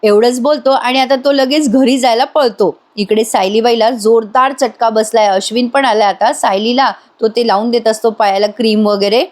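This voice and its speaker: A woman's voice: a little high, steady tone, moderate pace, hardly any pauses. A woman hosting a chatty voice-over recap of a TV serial, talking straight to her viewers. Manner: chatty, addresses viewers directly, laughs often. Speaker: serial review host.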